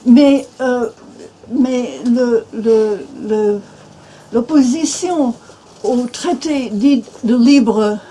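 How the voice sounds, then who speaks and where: An older woman from Minnesota speaking French, a native English speaker who talks haltingly with many restarts and fillers, as a guest on a bookshop panel. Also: on the high side, dark tone, slight background noise, low-quality recording. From Minnesota, USA. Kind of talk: panel discussion. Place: bookshop event room.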